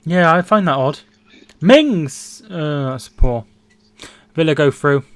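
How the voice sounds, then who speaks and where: A young man from England chats through a football watchalong stream, reading viewer comments aloud as they come in. His voice sits a little high for a man. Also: lively intonation, slow pace, no echo. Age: 20s. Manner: chatty, reads out viewer comments. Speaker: livestream co-host. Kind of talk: casual football watchalong chat.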